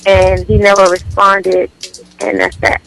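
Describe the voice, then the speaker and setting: A woman's voice: mid-range voice, monotone, a little slow, vocal fry, fairly bright tone. Woman calling in to a radio show. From Florida. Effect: phone line into a radio show. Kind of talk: casual chat.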